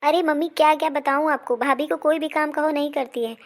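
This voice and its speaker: A woman's voice: high-pitched, steady tone, brisk. A woman playing a bossy spoiled daughter. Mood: demanding. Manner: demanding, whiny, sharp. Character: bossy spoiled married daughter visiting home. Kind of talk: amateur family comedy drama.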